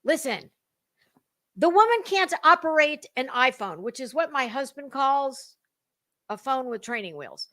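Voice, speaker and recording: Theatrical and sassy, this female gossip livestream host delivers a dramatic reading peppered with sarcastic, mocking remarks. She speaks unhurriedly in a high, bright, forceful voice that is very animated.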